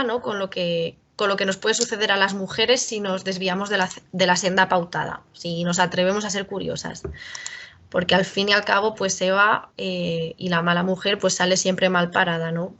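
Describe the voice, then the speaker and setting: A woman's voice: mid-range voice, fairly bright tone, highs cut off. A woman gives a university talk as a writer, speaking conversationally with frequent rhetorical tag questions and self-corrections. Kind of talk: lecture.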